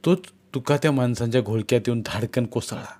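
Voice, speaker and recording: A man's voice: medium pitch, steady tone, moderate pace, darkish tone. A man reading a novel aloud as a storyteller, telling the story steadily and acting out the dialogue.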